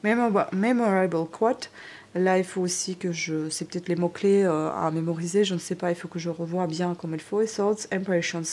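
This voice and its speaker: Chatty woman with a lowish voice. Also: fairly even intonation, normal speed, a little mellow. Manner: hesitant, many fillers and restarts; chatty, addresses viewers directly. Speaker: stationery haul vlogger. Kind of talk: casual show-and-tell vlog. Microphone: DSLR camera on tripod.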